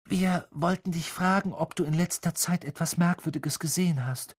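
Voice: medium pitch, fairly even intonation, normal speed, husky, pitched above the performer's own voice, natural voice. A narrator voicing a clever schoolgirl in a raised, eager, matter-of-fact voice.

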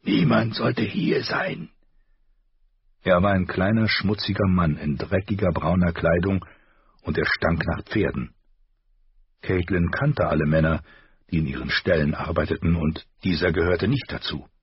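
A man narrating an audiobook in a measured, even storytelling manner, on a slightly dull recording. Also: deep voice, slightly rough, no echo.

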